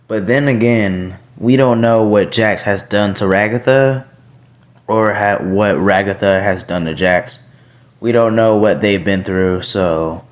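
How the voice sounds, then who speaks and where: A man hosting a reaction video, talking casually and rambling with lots of filler words. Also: lowish voice. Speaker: video reactor, channel host.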